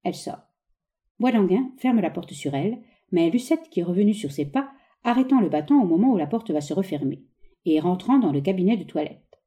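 A woman reading the stage directions of a play aloud in a calm, plain way. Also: fairly low pitch, fairly quick. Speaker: reader.

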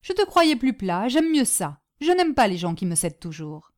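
A woman's voice: on the high side, very animated, moderate pace. A scornful, bossy old aunt, put on by a woman reading. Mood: scornful, triumphant. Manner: sharp, mocking, commanding. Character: domineering stubborn older aunt, scornful and scolding.

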